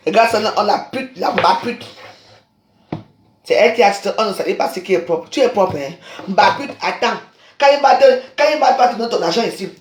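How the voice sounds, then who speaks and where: A woman in her fifties from Cameroon, delivering a scolding, accusatory rant to camera that swings between shouting and quiet muttering. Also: medium pitch. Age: 50s. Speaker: social media vlogger. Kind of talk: angry personal rant to camera. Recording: echoey room.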